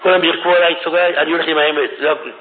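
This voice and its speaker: A middle-aged man preaching a fiery religious sermon, swinging between shouting and hushed tones. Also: a little high, fairly even intonation. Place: religious study hall. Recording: tinny phone-like radio recording.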